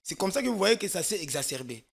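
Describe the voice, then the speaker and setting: A man's voice: high-pitched, very animated, fast talker, gravelly. A man from Congo, a guest expert on a political talk show, explaining at length with emphasis and frequent restarts. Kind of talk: studio political discussion.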